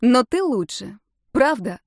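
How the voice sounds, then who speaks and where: A woman's voice: a little high, very animated, takes it slowly, creaky, dry recording, studio quality, voice pushed up, full character voice. A woman putting on a jealous teasing girlfriend. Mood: indignant. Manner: teasing and stubborn.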